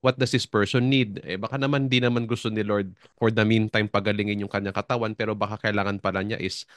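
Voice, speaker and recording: Low-voiced pastor hosting radio. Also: male voice, steady tone, fast talker, a bit bright, no echo, clean studio sound. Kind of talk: radio talk on faith.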